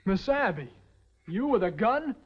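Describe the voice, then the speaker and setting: A man's voice: high voice, big pitch swings, unhurried. A young actor playing an earnest, polite would-be lawman who talks respectfully, in a 1950s TV western. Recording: dull lo-fi old TV sound with faint hiss.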